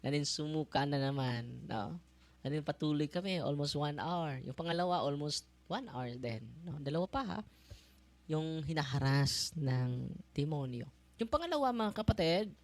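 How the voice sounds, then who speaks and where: A man's voice: a little high, animated, a little slow. A man, a priest reading the gospel and then giving a homily. He talks in a chatty way with asides to the people in the pews. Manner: conversational, chatty asides to the congregation.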